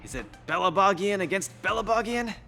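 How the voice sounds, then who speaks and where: An actor playing an earnest, good-natured young fighter in a video game, talking casually and candidly. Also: male voice, high voice, animated, brisk, gravelly, sharp tone, heavily acted. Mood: stung, resigned. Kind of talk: scripted video game dialogue. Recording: game music behind.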